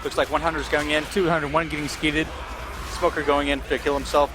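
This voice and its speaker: A man's voice: a little high, flat delivery, a little fast, noisy background. A man doing casual play-by-play game commentary over online voice chat, his voice coming through robotic and metallic as the connection lags. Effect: robotic, metallic lagging voice chat. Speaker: esports co-commentator. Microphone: online voice chat mic.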